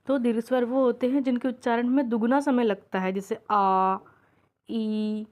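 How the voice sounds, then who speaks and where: A woman from India teaches an exam-prep grammar lesson, explaining step by step, checking in with students and drawing each example out slowly. Her voice is on the high side, with fairly even intonation and a dark tone.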